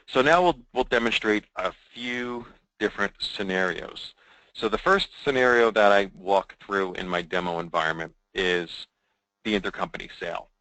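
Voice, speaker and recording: Presenting a software demo, a deep-voiced man with a crisp, forward tone speaks informally, as though taking colleagues through slides and checking in with "right?". The recording is close, dry and low in quality.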